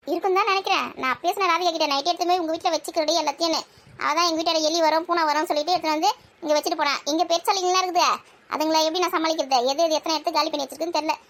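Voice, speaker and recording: A woman's voice: extremely high pitch, steady tone, a bit bright. A woman, playing a village housewife who nags and scolds in everyday family banter. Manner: scolding, nagging, quick back-and-forth.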